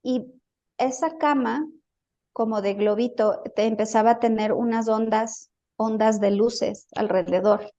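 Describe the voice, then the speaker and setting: A guest in a casual interview recounts a healing experience, hesitating and repeating words as she searches for them. Her slightly high voice is dark and dull-sounding, at a measured pace.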